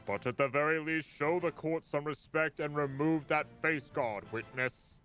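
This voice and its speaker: A man's voice: fairly high pitch, fairly bright tone, soft background music, pitched above the performer's own voice, natural voice. A man voicing a stern older male judge in a courtroom game, speaking formally. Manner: formal, measured.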